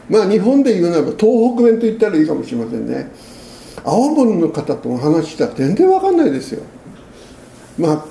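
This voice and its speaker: A man's voice: fairly high pitch, creaky, mellow, echoey room, slight background noise. A man preaching a sermon as a pastor, in a conversational way, often ending phrases with tag questions.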